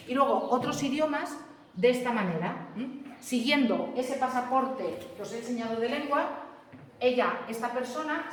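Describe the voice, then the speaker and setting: A woman teacher with a fairly high voice lectures a class, explaining things step by step and often checking that students are following. The recording is echoey and distant, with slight background noise.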